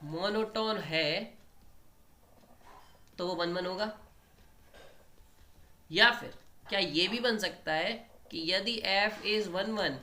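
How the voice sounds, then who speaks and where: Bright-voiced man teaching maths. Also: high voice, drawn-out words, long pauses. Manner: explains step by step, often checks in with the students. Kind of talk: online exam-prep lecture at a board.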